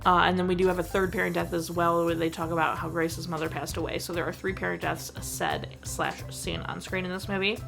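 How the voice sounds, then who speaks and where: A woman's voice: on the low side, level tone, brisk, creaky, few pauses, music in the background. A woman hosting her own show, giving a chatty, enthusiastic movie review full of "like.". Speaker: host.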